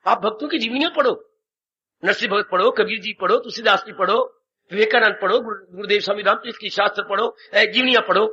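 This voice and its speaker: An older man, a swami giving a Hindi sermon, telling stories and acting out the people in them with sudden swings in pitch. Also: fast talker, sharp tone, husky, muffled recording. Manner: storytelling with acted-out voices and sudden pitch swings.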